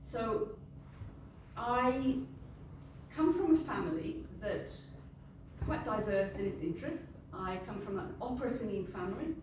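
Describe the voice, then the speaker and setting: A middle-aged woman from Wales, a native Welsh speaker, talks in a friendly, unscripted way to a group as an industry panel speaker. Her voice sits at medium pitch with lively intonation and an unhurried pace. The mic is distant in a very echoey room with ambient noise.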